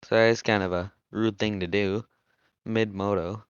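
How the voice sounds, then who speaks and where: A young man giving casual, chatty commentary on an online motocross race, relaxed and laughing often as he thinks aloud. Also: fairly low pitch, normal speed, smooth, no echo, lo-fi sound. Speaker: race commentator and server admin.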